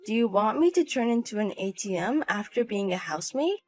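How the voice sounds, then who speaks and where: A woman's voice: medium pitch, animated, fairly quick, faint music behind. A woman voicing a wife in a scripted drama, talking in a cold, cutting and dismissive way. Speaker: narrator and wife in a voiced story.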